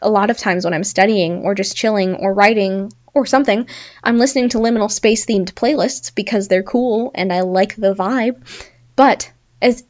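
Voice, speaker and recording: Young woman rambling casually on her solo show, mid pitch, kinda muffled home mic. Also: normal speed, a little mellow. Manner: chatty, laughs at her own examples. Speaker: podcast host.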